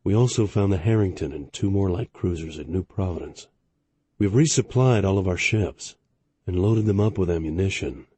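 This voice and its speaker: A doubtful starship commander asks pointed questions and reports in a matter-of-fact tone, as a man narrating an audiobook voices him. The voice is low, dark and a little husky. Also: moderate pace, no echo. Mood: questioning.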